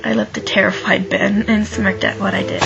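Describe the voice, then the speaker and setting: Gravelly young woman reading a fan story. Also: mid-range voice, little pitch movement, a little fast, muffled recording. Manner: chatty, adds asides to listeners, frequent restarts. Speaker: fan fiction reader. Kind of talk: casual first-person story reading. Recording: music clearly behind the voice.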